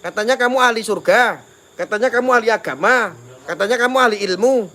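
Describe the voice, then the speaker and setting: A man's voice: extremely high pitch, brisk, sharp tone. A man with a Javanese accent, ranting on a live stream and repeatedly taunting viewers to phone him.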